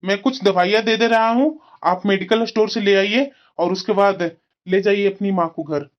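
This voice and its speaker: A voice actor playing a calm male doctor in a cartoon, explaining a patient's care. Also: medium pitch, moderate pace, muffled recording, lightly acted. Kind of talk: cartoon voice acting.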